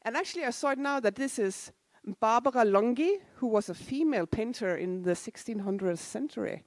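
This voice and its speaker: A woman in her forties, Danish by origin, speaks at a conference in a conference hall, keeping things casual and self-deprecating with asides to the audience. She talks fairly quickly in a slightly high voice with lively intonation and no room sound.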